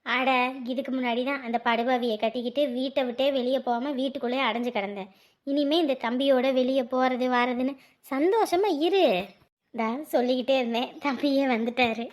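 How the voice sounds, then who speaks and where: Actress as fussing elder sister-in-law, high bright voice, bustling and chatty. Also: female voice, a little fast, lightly acted. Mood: busy. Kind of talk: web drama acting.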